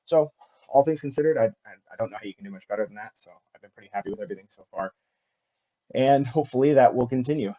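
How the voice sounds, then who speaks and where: Male vlog host, casual and unscripted, fast with halting fillers, somewhat mellow tone, slightly lo-fi recording. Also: medium pitch. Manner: halting, filler-heavy delivery with frequent restarts. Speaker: cycling channel host.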